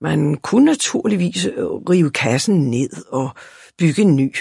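A reader doing a pompous grumpy gentleman. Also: mid-range voice, very animated, vocal fry, husky, no echo, studio quality, full character voice. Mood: muttering. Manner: haughty and curt. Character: pompous, grumpy well-dressed grown man. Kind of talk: storybook reading.

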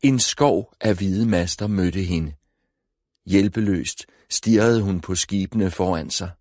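A man narrating an audiobook in a measured, even storytelling manner on a close mic. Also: sits low, no room sound. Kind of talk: scripted narration.

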